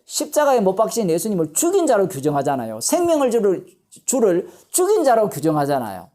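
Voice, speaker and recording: A woman pastor giving a Bible lecture sermon, emphatic and animated, posing rhetorical questions and answering them herself. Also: medium pitch.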